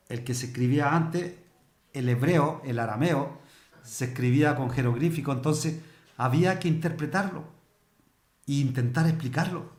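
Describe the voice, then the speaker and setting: A preacher, teaching a church discipleship class in a conversational way and explaining with everyday examples. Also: male voice, mid-range voice, a little mellow, roomy sound. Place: church hall.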